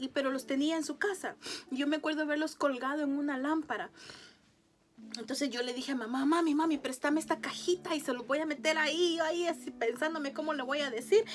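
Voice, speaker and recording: A woman, giving an emotional church testimony, tearful and laughing as she speaks to the congregation. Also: high voice. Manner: tearful, laughs often, addresses audience as brothers.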